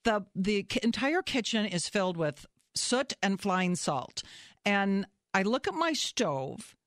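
Animated middle-aged woman telling stories. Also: mid-range voice, slow pace, dry recording, clean studio sound. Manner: animated, self-mocking storyteller who acts out her own shouts. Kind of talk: casual storytelling chat.

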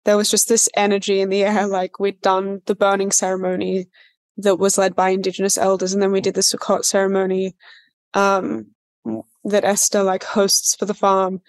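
Young actress, mid-twenties, rambling chatty interview delivery, middle pitch. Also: female voice, completely flat delivery, normal speed. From Australia. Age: 20s. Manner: chatty, many fillers and restarts, laughs easily. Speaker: actor being interviewed. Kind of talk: casual interview chat.

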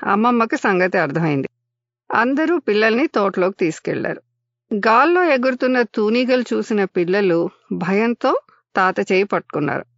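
An older woman hosting a storytelling podcast, narrating children's tales in a lively way and voicing the characters. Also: mid-range voice, normal speed, dry recording, dull audio.

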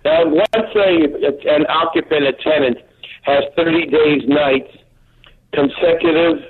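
A man's voice: fairly high pitch, expressive, slow, husky. A man calling in by phone on speaker, his voice echoing through a second device; he rambles and corrects his own words. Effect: echoing speakerphone call heard through a second device. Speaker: caller. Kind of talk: call-in question on radio. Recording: tinny phone line with echo.

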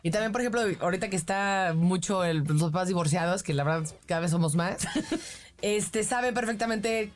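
A woman's voice: lowish voice, brisk. A woman with a Mexican accent, a mother and podcast guest talking casually with many restarts. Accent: Mexican Spanish. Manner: talkative, many restarts and fillers. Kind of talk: casual chat.

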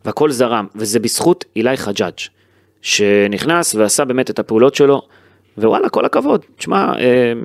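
A man talks through a football match in a loose, animated way. He breaks off and restarts his sentences often, his pitch sits in the middle, and the sound is dry and close to the mic. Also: creaky, no room sound. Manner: animated, thinks aloud with fillers and restarts. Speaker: sports podcast host. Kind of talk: casual football analysis chat.

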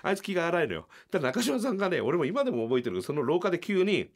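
Animated middle-aged man telling a story. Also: very fast. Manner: acts out quoted shouting with big pitch jumps. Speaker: podcast host, comedian. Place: small radio studio.

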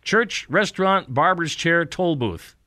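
Male radio talk host, bright, slightly high voice, jokey, dry studio sound. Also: animated, dry recording. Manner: jokey, quick to laugh, quiz-style questions. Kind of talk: radio interview.

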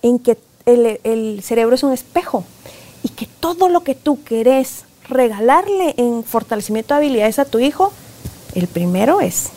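A woman, speaking as a guest expert in a conversational interview, animated and often acting out parents and children. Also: on the high side, moderate pace. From Guatemala. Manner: animated, acts out parents and children in quoted voices. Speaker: positive discipline expert guest.

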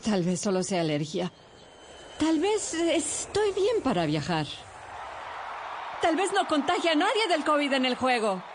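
Actress as a high, swooping woman in denial. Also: huge pitch swings, measured pace, pauses often, exaggerated voice. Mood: nervous denial. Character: woman in denial, nervously rationalizing. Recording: noisy ambience behind the voice.

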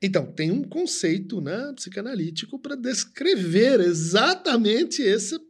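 A man's voice: high voice, very animated, unhurried, breathy edge. A man, co-hosting a conversation and explaining concepts in a lecturing way, often tagging sentences with a questioning "right?". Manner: lecturing, frequent "né?" tags.

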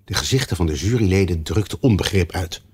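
A man narrating a children's storybook, his voice low with a husky, breathy grain. He reads in a measured, expressive way, letting his pitch rise and fall in lively arcs. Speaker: audiobook narrator. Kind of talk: storybook reading.

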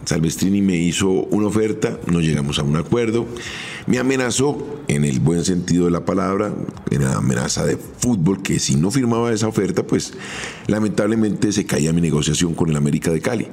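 A middle-aged man with a Colombian accent, a former footballer telling his own career story in a measured, step-by-step podcast monologue. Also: deep voice, animated, vocal fry, darkish tone, a little hiss or hum. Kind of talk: first-person podcast storytelling.

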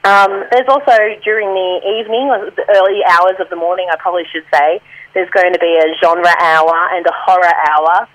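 A woman's voice: fairly low pitch, fairly even intonation, a little fast, no echo, rough recording. A woman, an improv performer, chatting in a friendly way as an interview guest and laughing easily. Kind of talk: casual interview chat.

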